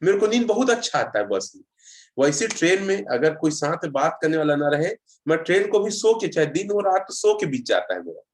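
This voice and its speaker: A man's voice: fairly high pitch, sing-song, brisk. A man giving a casual online session on road safety, telling stories and reading out viewer comments. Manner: chatty storyteller, reads out viewer comments.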